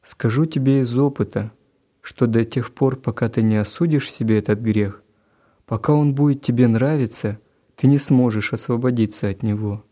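Storybook father, earnest and admonishing, warm low voice, as a man reader plays him. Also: normal speed, lightly acted. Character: stern but caring believing father.

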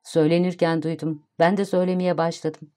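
A woman voicing a sharp-tongued young female street bun seller, curt and quick to snap back, in an audiobook reading. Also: deep voice, level tone, close to an everyday voice. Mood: curious.

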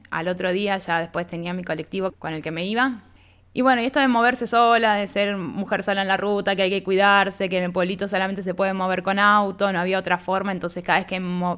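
A woman's voice: medium pitch, smooth. A woman from Argentina with an Argentine accent, a guest on a radio interview, telling a travel anecdote in a casual way and acting out both sides of a conversation. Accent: Argentine Spanish. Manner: lively anecdotal, reenacts dialogue with "me dice".

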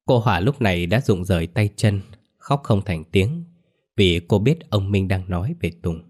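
A man narrating a scripted ghost story in a steady, even way. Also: low-pitched, moderate pace.

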